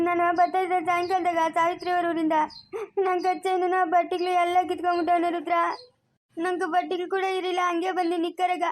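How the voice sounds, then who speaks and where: A woman's voice: extremely high pitch, no room sound. A woman playing a tearful, simple village man who begs to get his clothes back, in a Chikkaballapur Kannada accent. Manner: whimpering, pleading.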